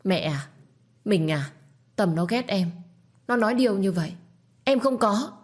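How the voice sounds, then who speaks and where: A woman voices a venomous young wife in a spoken story. Her lines come sneering and defiant, pushed higher than her own low voice. She spits her words with cold hatred. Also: expressive, a little fast, close to an everyday voice. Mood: shrill.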